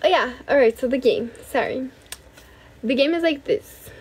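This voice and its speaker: A woman's voice: high voice, moderate pace, slightly rough. A young woman from Brazil in her late teens, hosting a casual livestream from a bedroom into a phone held at arm's length, chatting with viewers and thanking them often. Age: young adult. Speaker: livestream host.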